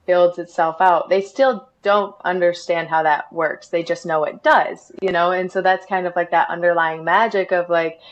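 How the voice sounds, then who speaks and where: A chatty woman hosting a podcast interview, her voice carried on a dull, slightly lo-fi recording. She talks loosely and warmly engaged, peppering her thoughts with fillers as she riffs on a topic. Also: lowish voice, steady tone, moderate pace, few pauses. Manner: chatty, many fillers like "you know". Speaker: podcast host. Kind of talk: casual interview chat.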